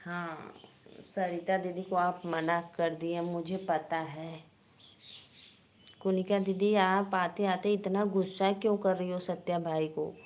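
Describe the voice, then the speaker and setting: Chatty awadhi-accent woman teasing her viewers on a live, slow and lowish. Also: a little mellow. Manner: chatty, teasing, greets commenters by name. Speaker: live stream host. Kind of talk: casual live chat with viewers.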